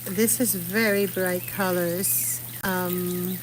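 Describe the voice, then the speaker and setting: Painting under an umbrella outdoors, a middle-aged woman from Puerto Rico rambles through a casual live-stream chat, hunting for her words. She speaks extremely slowly in a fairly low voice with fairly even intonation, and background noise can be heard.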